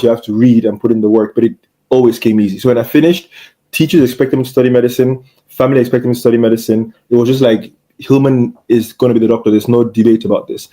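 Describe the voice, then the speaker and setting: A man's voice: mid-range voice, warm tone. A young man from Cameroon, a medical doctor, telling his story in an earnest, reflective way as an interview guest. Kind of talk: casual interview chat.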